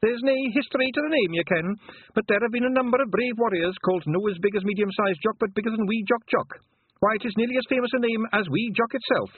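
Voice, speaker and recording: A man voicing an eager young male pixie warrior with a Scottish accent, speaking in a high, earnest, dutiful way. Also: fast, breathy edge, no room sound. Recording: tinny phone-like sound.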